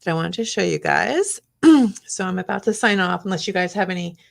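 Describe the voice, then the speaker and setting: Expressive and a little fast, a woman with a lowish, creaky voice runs a live craft stream, chatting casually and whispering to her artwork as she works. She's losing her voice and clears her throat along the way.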